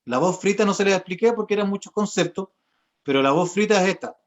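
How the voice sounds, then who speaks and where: A young man who is a voice therapist and singer gives a workshop in an online lesson, patiently walking through vocal exercises step by step. His voice sits high and he talks fast. The video call audio sounds dull and lo-fi.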